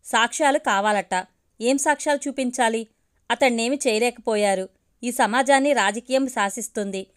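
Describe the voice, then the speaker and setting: A woman's voice: fairly high pitch, normal speed, lightly acted. A woman voicing an angry, defiant young woman student who answers with fierce indignation. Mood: bitter.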